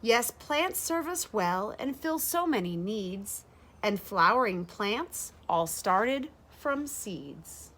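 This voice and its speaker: Indoors in a bright sunroom with large windows, a woman in her thirties reads a rhyming picture book aloud in a mid-range voice, phrasing deliberately and expressively for young listeners.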